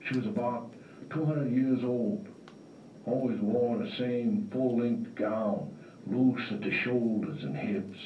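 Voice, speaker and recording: Actor as weary noir gumshoe narrator, slow wry drawl, roomy distant lo-fi sound with faint music. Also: male voice, mid-range voice, a little hiss or hum, lightly acted. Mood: world-weary. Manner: drawling, slow, wry tough-guy delivery. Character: world-weary hardboiled male detective narrator. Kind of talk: film-noir voice-over narration.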